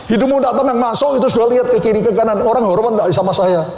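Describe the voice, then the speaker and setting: A man's voice: extremely high pitch, steady tone, very fast, a little mellow, slight background noise. An older man from Indonesia, a pastor preaching a sermon and asking the congregation questions. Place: large church hall. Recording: roomy hall echo, faint ambience.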